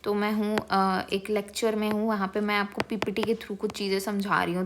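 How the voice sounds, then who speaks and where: A young woman teaching an online exam-prep class at a mid-range pitch. She reads out definitions slowly and carefully, then switches to quick, chatty explanations with frequent check-ins. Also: noisy background. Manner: fast-talking, checks in with frequent "okay". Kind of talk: online lecture.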